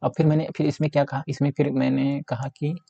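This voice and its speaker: A man with an Uttar Pradesh Hindi accent teaching a casual exam-prep grammar lesson. His voice is dark and husky, and he keeps checking in with "है ना?" as he writes on a board. The recording is close and dry, with no room sound. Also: medium pitch, little pitch movement, brisk, dry recording, lo-fi sound. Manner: repetitive, keeps asking 'है ना'; talks while writing on a board.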